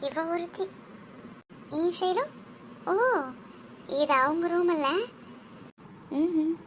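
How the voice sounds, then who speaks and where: A woman voicing a bossy, sharp-tongued young woman in a cartoon, scolding and sardonic. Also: extremely high pitch, steady tone, very slow, slight background noise, voice pushed down, full character voice.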